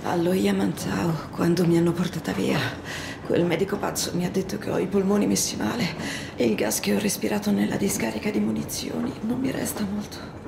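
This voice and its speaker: A young woman in a video game, weak and unwell, stoic and apologetic. Her voice is very gravelly, set in a roomy space with clear background noise. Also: medium pitch, fairly even intonation, a little fast. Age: young adult. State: weak, unwell, low on strength. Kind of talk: video game voice acting, Italian dub. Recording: roomy, noisy game ambience.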